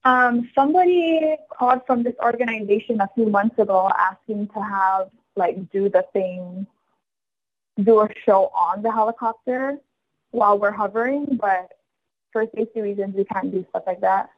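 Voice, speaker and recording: A woman's voice: medium pitch, moderate pace. A woman answering a business call over the phone, polite and matter-of-fact but firm. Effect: heard over the phone. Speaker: helicopter company staffer answering a call. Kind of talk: phone conversation. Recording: dull, muffled phone line.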